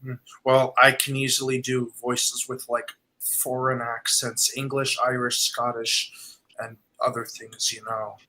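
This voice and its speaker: Bright flat-voiced guy, voice actor, lots of uhs and stumbles. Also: medium pitch, measured pace, poor audio. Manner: hesitant, with many "uh" and "um" and repeated words. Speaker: voice actor and musician. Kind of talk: casual chat.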